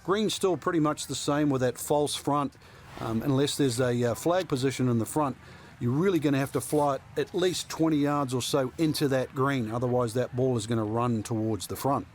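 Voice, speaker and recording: A man's voice: mid-range voice, normal speed, darkish tone, slight background noise. A man giving analytical golf commentary as the second voice in the booth.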